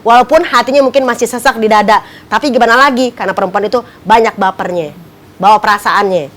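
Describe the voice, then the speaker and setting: Lively woman preacher, high bright voice, lots of acted-out voices. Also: fast. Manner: animated, acts out quoted wives with high teasing voices. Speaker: ustazah, religious speaker. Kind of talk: lively preaching on a morning TV religious show.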